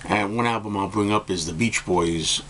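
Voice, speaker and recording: At a moderate pace, a middle-aged man talks casually to camera about albums he's reviewing, his low voice a little hoarse from just getting up and a bit bright. He hesitates and circles back on his points, while faint noise fills his bookcase-lined room at home.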